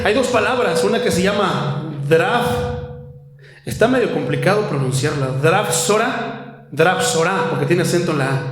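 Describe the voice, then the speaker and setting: A man preaching an expository sermon in a church, reading Bible verses slowly and then explaining them in a conversational way. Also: high voice. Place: church sanctuary. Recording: very echoey church hall.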